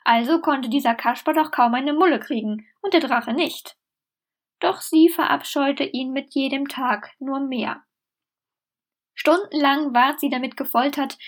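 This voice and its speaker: A woman narrating a scripted, satirical fairy tale in a dry, mock-solemn way. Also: sits high. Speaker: storyteller.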